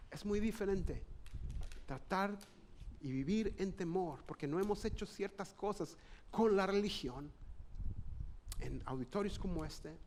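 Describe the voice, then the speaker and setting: A man with a Mexican accent delivers a sermon, his voice sitting notably high for a man. He talks to the congregation in an earnest, conversational way, weaving in personal stories. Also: slight background noise. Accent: Mexican Spanish. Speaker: pastor. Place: church auditorium.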